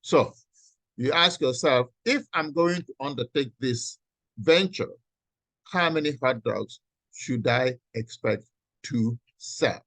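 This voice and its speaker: A man teaching an online class as a professor, explaining step by step in a halting, deliberate way and often checking in with "okay". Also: medium pitch, fairly bright tone, dry recording, rough recording. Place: video call with screen sharing.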